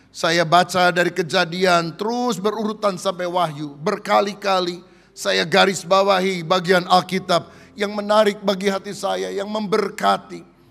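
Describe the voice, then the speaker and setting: A male pastor preaching a sermon, telling stories to his congregation and often calling them brothers and sisters, with big swings in pitch and loudness. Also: gravelly, long reverb tail.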